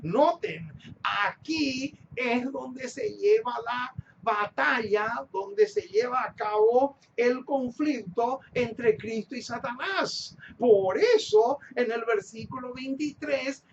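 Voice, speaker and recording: A man preaching a sermon, stressing key phrases by repeating them and speaking warmly to his congregation as his beloved. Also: very high voice, slow pace. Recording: dull lo-fi recording with faint noise.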